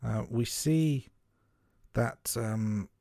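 A man co-hosting a podcast, giving measured, note-by-note commentary on a film. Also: mid-range voice, vocal fry, dark tone, no echo, studio quality. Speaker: podcast co-host. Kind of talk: casual film review chat.

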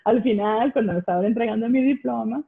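A middle-aged woman from Monterrey with a northern Mexican accent, telling animated stories in casual conversation and laughing often. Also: a little high, fast, gravelly. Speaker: guest. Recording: tinny phone-like line.

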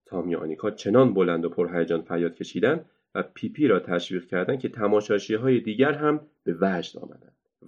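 A man narrating a children's storybook in a steady, measured reading voice. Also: low voice, lo-fi sound.

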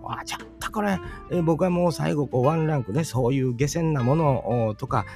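Over background music, a middle-aged storytelling channel host with a Kansai accent muses casually about a fairy tale, often putting questions to his listeners. His voice runs on the high side, fairly quick, with a darkish tone.

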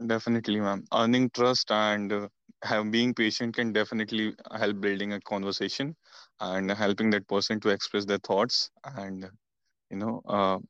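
Clear-voiced Indian man hosting a podcast. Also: fairly low pitch, little pitch movement, moderate pace, fairly bright tone, no room sound, highs cut off. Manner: deferential, hesitant phrasing. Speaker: podcast host. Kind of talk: podcast interview.

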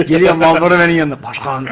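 A man's voice: a little high, lively intonation, fast talker. A man co-hosting a casual radio show, teasing crudely and laughing often.

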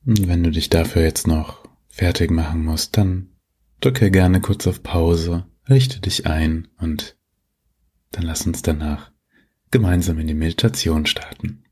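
A man guiding a sleep meditation like a sleep story narrator, soothing and gentle, leaving long pauses, in a soft, husky voice. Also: low voice. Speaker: meditation guide, host.

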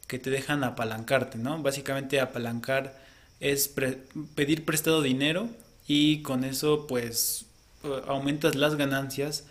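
A man co-hosting a casual podcast, explaining at length and often ending points with a questioning tag. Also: mid-range voice. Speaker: podcast co-host.

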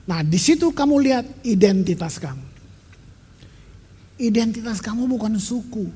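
Husky middle-aged male pastor preaching. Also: high voice, big pitch swings, normal speed, dark tone. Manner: emphatic, conversational preaching with English phrases. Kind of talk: sermon. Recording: long reverb of a large hall.

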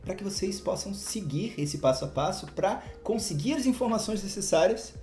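A man's voice: sits high, expressive, moderate pace, darkish tone. A man hosting a casual podcast, explaining things in an upbeat way and drawing out key words. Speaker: podcast host. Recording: roomy echo.

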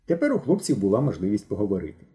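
Dark-voiced male audiobook narrator. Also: fairly low pitch, huge pitch swings, racing. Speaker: audiobook reader. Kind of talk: scripted narration.

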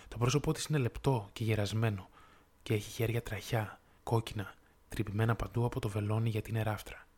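A man voicing a sorrowful male prince statue, speaking in a low, soft, musical voice. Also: steady tone, lightly acted.

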